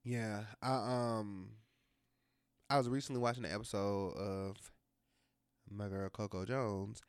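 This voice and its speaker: A podcast co-host chatting casually with a smooth, resonant voice recorded close and dry. The pitch sits at an ordinary middle height. The delivery is relaxed, with hesitant restarts. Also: measured pace, no room sound. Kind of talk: casual chat.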